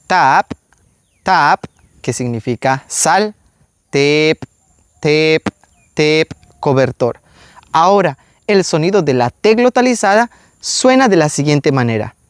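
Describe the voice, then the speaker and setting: Man slowly teaching pronunciation. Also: fairly high pitch, dry recording, clean studio sound. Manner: slow, deliberate, repeats each word several times. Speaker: Maya language teacher. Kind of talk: pronunciation lesson.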